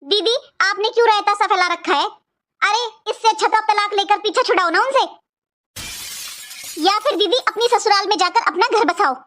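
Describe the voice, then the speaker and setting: Casting: a woman as a taunting cartoon sister-in-law, very high and shrill, sharp-tongued. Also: moderate pace. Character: scheming bossy young sister-in-law. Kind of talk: cartoon voice acting.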